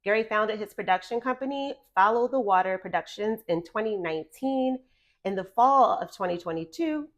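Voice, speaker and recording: A woman hosting an interview show, talking casually and laughing often between her lines. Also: mid-range voice. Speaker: podcast host.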